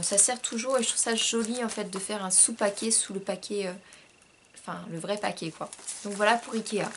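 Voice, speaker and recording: A woman's voice: mid-range voice, fairly bright tone, a little hiss or hum. A young woman presenting a shopping haul vlog, gushing and bubbly, with many fillers. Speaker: vlogger.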